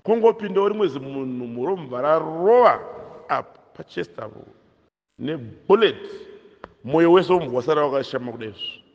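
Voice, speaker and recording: A man's voice: fairly high pitch, animated, brisk. A man teaching a catechism lesson, questioning his listeners and repeating key phrases. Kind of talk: catechism lesson mixing Shona and English. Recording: dull sound with long hall echo.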